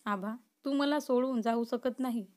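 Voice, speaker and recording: A woman with a slightly high, darkish, near-everyday voice reads a storybook at a measured pace, voicing an obsessive, possessive young man. Her delivery is intense, shifting back and forth between pleading and threatening.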